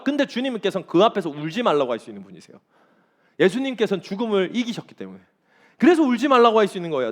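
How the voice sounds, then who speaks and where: High-voiced, fast-talking man preaching. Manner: emphatic, asks the congregation rhetorical questions. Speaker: pastor. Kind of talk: sermon.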